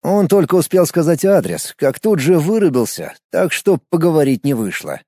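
Expressive male audiobook narrator. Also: fairly high pitch, moderate pace, husky, dry recording, clean studio sound. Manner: expressive storytelling. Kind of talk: scripted narration.

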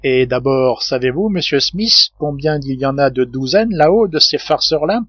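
Blustering quick-tempered seaman, loud and high-pitched, read by a male narrator; lo-fi dry audiobook audio. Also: lively intonation, no echo. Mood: grumbling. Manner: loud indignant outbursts, raised pitch. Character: hot-tempered sailor man, blustering and cursing. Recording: dull dry lo-fi recording.

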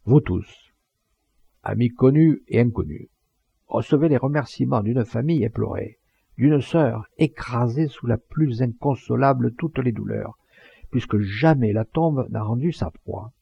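A man's voice: mid-range voice, unhurried, gravelly, breathy edge, dry recording, exaggerated voice. A man voicing a pompous, talkative townsman who gives grandiloquent funeral speeches, in a dull lo-fi recording. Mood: solemn.

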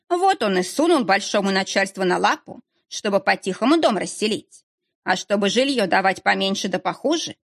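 A woman reading the part of a gruff, blunt middle-aged man in an audiobook, with a rough, drawling manner. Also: medium pitch, fairly bright tone, exaggerated voice.

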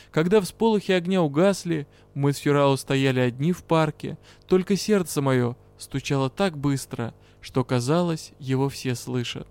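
A man narrating a first-person audiobook with an even, expressive reading. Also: mid-range voice, clear, resonant tone.

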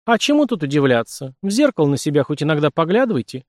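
A man voicing a haughty, sharp-tongued young noblewoman in a storybook reading. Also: fairly high pitch, very animated, quick pace, no room sound, clean studio sound. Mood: scornful. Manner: mocking, disdainful.

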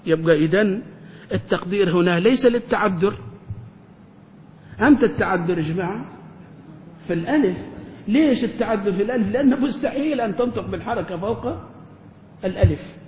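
A man, a sheikh teaching a classroom grammar lesson who keeps quizzing the class and slowly draws out his example phrases. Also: expressive, a little mellow. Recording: reverberant hall with faint rumble.

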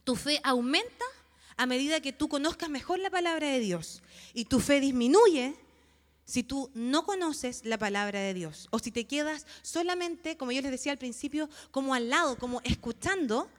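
Woman preaching, high voice, earnest and emphatic, keeps asking the congregation questions. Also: in a large hall. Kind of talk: sermon.

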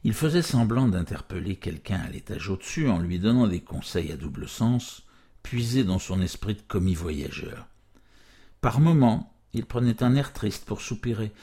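A man reading a classic novel aloud as an audiobook, with expressive, measured storytelling. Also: lowish voice, husky. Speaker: audiobook reader. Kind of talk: literary audiobook narration.

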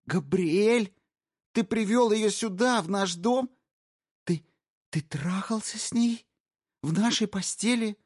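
A man doing a shrill, panicked hostage wife. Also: normal speed, darkish tone, slightly rough, no echo, studio quality. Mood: shocked. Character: terrified young wife held hostage.

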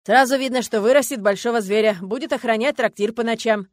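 Storybook role: a blunt, haggling tavern keeper, middle-aged man, loud , read by a woman. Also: on the high side, fast talker, no echo, studio quality, voice pushed up, natural voice. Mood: gruff.

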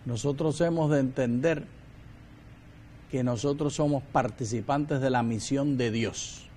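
A man's voice: medium pitch, a little slow, mellow, a little hiss or hum. A man co-presenting a Bible study, speaking fervently and devotionally and reading scripture aloud.

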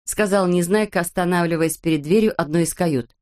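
A woman narrating a children's storybook in an even storytelling manner. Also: fairly low pitch, a little fast. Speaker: audiobook narrator.

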